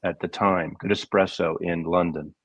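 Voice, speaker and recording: A man's voice: sits low, steady tone, normal speed, no room sound, highs cut off. An older American man rambling through stories as co-host of a casual livestream chat. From United States. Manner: rambling storyteller, digressive.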